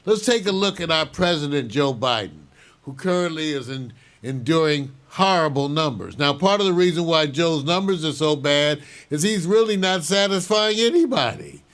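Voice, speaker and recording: An older man hosting a show, giving measured, opinionated news commentary and chuckling now and then. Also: a little high, animated, fairly bright tone. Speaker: show host.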